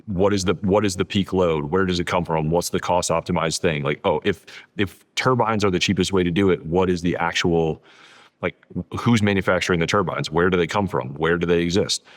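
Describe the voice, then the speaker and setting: Talking fairly quickly, this podcast guest, an author with a low voice, works through his ideas in a relaxed interview conversation. "Like" crops up constantly, and he stacks repeated adjectives to drive points home.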